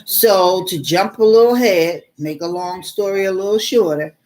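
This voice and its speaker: A middle-aged woman telling a story casually to her viewers, animated and exasperated, calling the listener "girl". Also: mid-range voice, normal speed. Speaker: vlogger.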